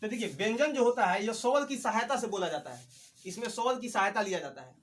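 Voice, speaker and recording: A man's voice: sits high, lively intonation, quick pace, heavy background noise. A man teaching a classroom lesson, drilling the students with call-and-response questions.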